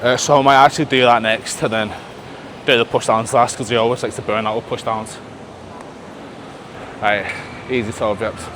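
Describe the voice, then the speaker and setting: A man's voice: medium pitch, steady tone, normal speed, noisy background. A man muttering casually and thinking aloud as he films a gym vlog. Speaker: fitness vlogger. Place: indoor gym.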